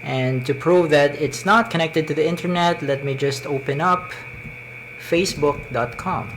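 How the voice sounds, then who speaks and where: A man with a Cebuano Filipino accent presents a live tech demonstration in deliberate, measured short phrases, speaking into a wired microphone. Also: on the high side, fairly bright tone, slight background noise. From Philippines. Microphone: wired microphone into a laptop.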